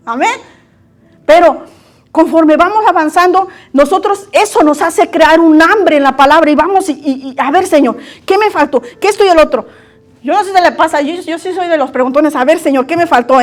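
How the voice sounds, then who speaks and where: High-voiced woman preaching a sermon. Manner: earnest, repetitive, asks the congregation questions; acts out quoted speech.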